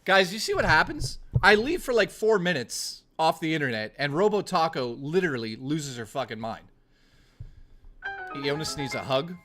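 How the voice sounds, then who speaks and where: Male streamer, brash and bright, casual and profane, joking with chat. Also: fairly high pitch, big pitch swings, moderate pace, soft background music. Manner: reads and answers chat. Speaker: live streamer.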